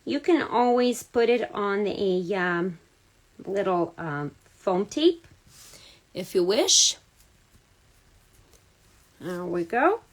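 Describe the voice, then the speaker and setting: Very slowly and with frequent pauses, this Serbian-accented woman from Serbia talks in a medium-pitched, expressive voice. She hosts a casual card-making livestream, greeting viewers by name and leaning on lots of fillers. A phone or camera on the stream picks up her voice.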